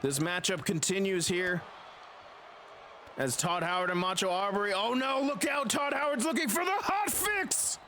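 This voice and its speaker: High-pitched male wrestling commentator, dramatic and excited. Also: moderate pace, slight background noise.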